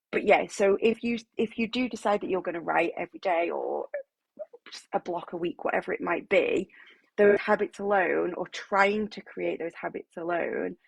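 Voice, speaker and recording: A woman's voice: on the low side, creaky, dry recording, poor audio. A woman author talking casually to a writing group in a live online session, chatty, with many fillers and restarts.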